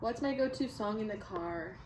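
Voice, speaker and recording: A woman's voice: medium pitch, normal speed. A young adult woman in a casual chat, talking in slangy, conversational phrases full of "like". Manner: filler-heavy, slangy conversational talk with frequent "like". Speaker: vlogger in a food Q&A video with a friend. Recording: roomy, distant mic, clear background noise.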